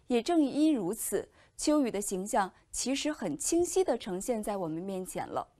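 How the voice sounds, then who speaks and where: A woman teacher walks students through a text in a recorded lesson. Her voice sits a little high, and she explains each point in a clear, measured and patient way. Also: dark tone. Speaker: Chinese language teacher.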